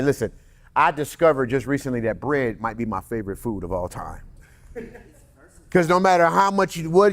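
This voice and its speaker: Higher-voiced man preaching casually to a congregation. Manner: conversational, joking with the congregation, reads scripture slowly. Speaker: teacher. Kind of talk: casual sermon.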